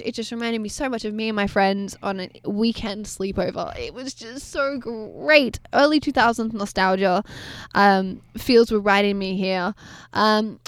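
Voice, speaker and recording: A woman co-hosting a film podcast, chatting casually and gushing excitedly, rambling with fillers and apologizing for ranting. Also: a little high, smooth, no room sound, studio quality. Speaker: podcast co-host.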